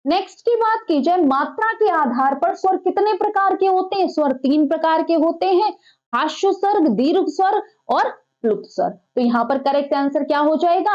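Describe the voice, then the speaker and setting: A woman's voice: very high voice, a little mellow, highs cut off. A woman teaching an exam-prep lesson, putting questions to the class and then answering them herself. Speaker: Hindi teacher.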